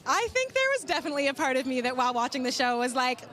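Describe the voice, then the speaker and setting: A woman stage actress in an interview, bubbly and excited, laughing easily. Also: high voice, racing. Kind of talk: news interview.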